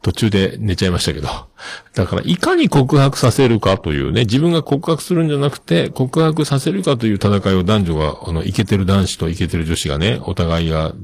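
A man's voice: fairly low pitch, lively intonation, fairly quick, vocal fry, darkish tone, husky, no echo. A middle-aged man hosting a podcast, chatting casually and rambling with many fillers as he reads listener mail. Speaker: podcast host.

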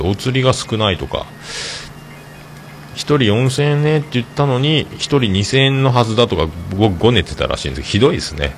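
A man talks casually on his podcast in a deep, gravelly voice. His pitch rises and falls widely as he rambles through stories, with frequent filler sounds between his phrases. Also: slight background noise. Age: 40s. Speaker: podcast host. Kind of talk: casual podcast monologue reading listener comments.

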